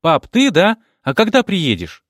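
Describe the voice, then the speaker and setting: A man's voice: sits high, huge pitch swings, a bit bright, dry recording, clean studio sound, voice pushed up, full character voice. A man doing a chatty eight-year-old girl. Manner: brisk, talkative, matter-of-fact.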